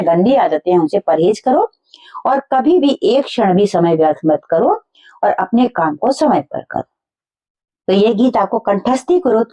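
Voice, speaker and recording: A woman's voice: fairly low pitch, dark tone. Patient woman teacher, lo-fi sound. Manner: explains slowly, repeats each point in simple words. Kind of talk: explaining a school lesson.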